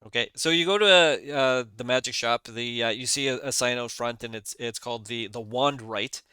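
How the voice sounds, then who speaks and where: A man's voice: mid-range voice, normal speed, bright, forceful tone, clear, resonant tone, no room sound. A man narrating as game master in a tabletop game, describing scenes with many fillers and restarts.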